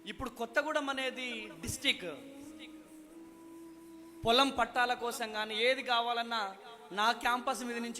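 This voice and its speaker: High-voiced fiery pastor. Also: male voice, sharp tone. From Telangana, India. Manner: exhorting, demands "amen" and clapping from the crowd. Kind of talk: fiery revival sermon with call-and-response. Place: large hall at a revival meeting. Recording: echoey hall with music behind.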